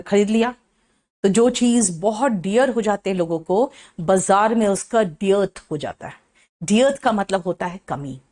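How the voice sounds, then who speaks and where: A middle-aged woman teaching an English vocabulary class in chatty Hindi, checking in with her students often and reading English definitions slowly. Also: medium pitch, darkish tone. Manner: explains in chatty Hindi, mixing in English phrases, with frequent "है ना?" check-ins.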